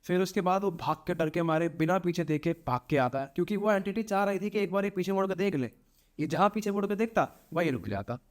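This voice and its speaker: A man's voice: high-pitched, quick pace. A young man, a podcast guest, telling a horror story dramatically, repeating phrases and acting out voices. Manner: animated, repetitive, acts out voices.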